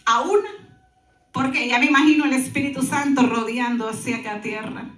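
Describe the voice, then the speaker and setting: High-voiced woman pastor preaching. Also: normal speed, echoey room, far from the mic. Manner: animated preaching with asides. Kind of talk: sermon.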